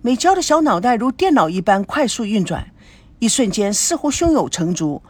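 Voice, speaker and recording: A woman narrating a romance novel as an audiobook in an expressive, sing-song way. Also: a little high, moderate pace, husky.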